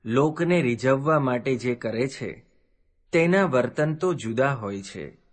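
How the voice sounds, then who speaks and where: A man reading a devotional scripture aloud in a slow, deliberate recitation. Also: medium pitch, expressive.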